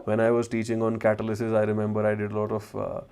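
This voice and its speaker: A man's voice: fairly low pitch, completely flat delivery, quick pace, creaky, a little mellow, clear, resonant tone. A man with a north Indian accent chatting informally as he hosts a livestream and answers viewers, slipping between English and Hindi slang. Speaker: travel vlogger and former chemistry teacher hosting a livestream. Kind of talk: casual livestream chat answering viewers' questions. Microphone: wireless mic.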